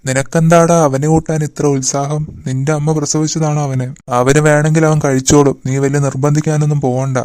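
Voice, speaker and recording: ക്രൂരനായ തട്ടിക്കൊണ്ടുപോകൽ സംഘത്തലവൻ, ഒരു പുരുഷൻ അവതരിപ്പിക്കുന്നു. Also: male voice, fairly high pitch, level tone, a little fast, darkish tone, clear, resonant tone, no echo, clean studio sound, lightly acted. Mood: contemptuous. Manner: harsh, mocking, threatening. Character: ruthless male kidnapper boss. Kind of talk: cartoon voice acting.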